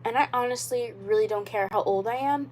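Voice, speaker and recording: With slight background noise, a slightly high, slightly mellow and brisk woman's voice addresses livestream viewers. She's a doll YouTuber in her twenties talking casually about doll collecting, earnest and insistent, rambling, repeating herself and filling gaps with "like" and "you know."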